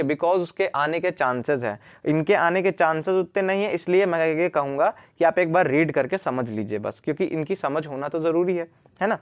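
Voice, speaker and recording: A young man tutoring students through their notes in a casual mix of Hindi and English, often saying "ठीक". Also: a little high. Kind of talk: screen-recorded study lesson.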